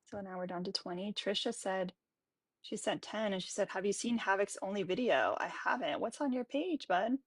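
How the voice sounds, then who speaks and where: A woman's voice: mid-range voice, animated, moderate pace, no echo. A woman hosting a live stream, chatty and full of ums as she talks to viewers and guests. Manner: chatty, filler-heavy. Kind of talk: casual live stream chat.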